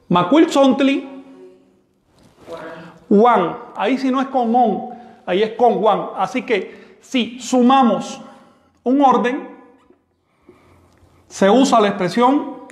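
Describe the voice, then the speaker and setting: A man's voice: extremely high pitch, takes it slowly, pauses often, reverberant. A man giving a live online math class, who explains step by step, asks the class questions and makes the odd sarcastic aside. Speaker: teacher of vigesimal math.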